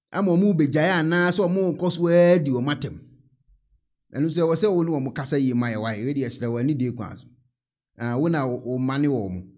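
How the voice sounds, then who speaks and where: A man in his thirties with a Ghanaian accent comments casually from a small indoor studio into a mic on a stand. His voice sits a little high, and he laughs often and switches between languages. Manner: laughing, animated, mixes in English. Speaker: reaction host.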